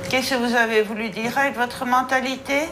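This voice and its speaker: Woman, judge, stern interrogation, pointed, slightly high pitch, faint noise behind. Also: fairly even intonation, fairly quick. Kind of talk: courtroom questioning. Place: office.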